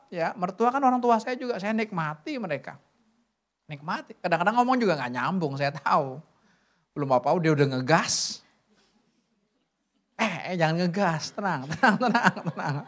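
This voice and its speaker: A woman's voice: mid-range voice, expressive, normal speed. A middle-aged woman preaching a sermon at a church service, chatty and joking, with many rhetorical questions.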